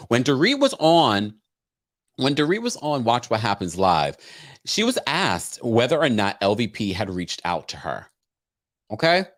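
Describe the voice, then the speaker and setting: Animated man dishing gossip. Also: fairly low pitch. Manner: theatrical, emphatic, repeats phrases for effect. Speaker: host of reality TV recap show. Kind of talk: casual, gossipy commentary to viewers.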